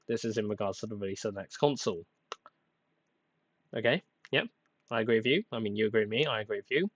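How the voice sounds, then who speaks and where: Recovering from a cold, this young podcast host speeds through a rambling, self-deprecating solo episode full of hesitations. His voice is lowish, plain and a bit flat, captured with no room sound and with the high frequencies cut off.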